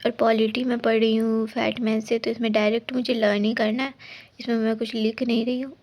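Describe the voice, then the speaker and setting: Young woman with a gravelly, flat voice. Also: on the high side, brisk. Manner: rambling, explains her study plan with many restarts; advises viewers directly. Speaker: exam aspirant vlogger. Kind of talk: casual study vlog talk.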